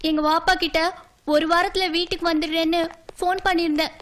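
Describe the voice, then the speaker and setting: A woman's voice: very high-pitched, fast. A brash, bossy young woman. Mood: boastful. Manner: boastful, bossy, excitable. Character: brash young woman, self-styled local queen, bossy. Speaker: film character. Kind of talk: film comedy acting.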